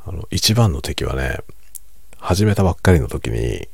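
A middle-aged man chatting quietly late at night over a drink, in a hushed, unhurried, musing and self-deprecating way. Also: very deep voice, vocal fry, husky, no echo. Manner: relaxed monologue while drinking alcohol. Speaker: streamer.

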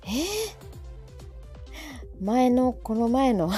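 Hosting a casual live audio chat, a woman with a Kansai Japanese accent keeps chiming in with repeated little acknowledgements. She speaks very slowly in a slightly high, dark-toned voice. Soft music plays in the background.

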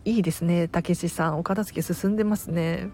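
A woman's voice: lowish voice, fairly even intonation, brisk, faint music behind. Chatty woman tidying consultant, friendly. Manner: friendly and chatty, warmly thanking listeners by name; loose conversational delivery with fillers and self-corrections. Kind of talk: casual solo audio-stream chat answering listener comments.

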